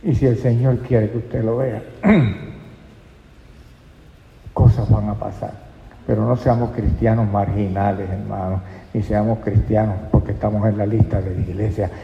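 A man preaching a sermon in a church, calling his listeners "brother" and swinging from soft, slow lines to loud, emphatic ones. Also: lowish voice, flat delivery, vocal fry, slight background noise. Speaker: pastor. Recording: echoey church hall, dull lo-fi sound.

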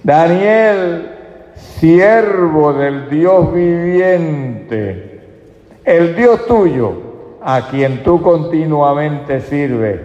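A remorseful ancient king, put on by a preaching man, calls out in slow, high, drawn-out words. The gravelly voice rings through a reverberant church hall. The recording sounds dull and lo-fi. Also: mellow. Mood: anxious calling. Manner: slow, drawn-out calling, raised pitch. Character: remorseful ancient king calling out, male, anxious.

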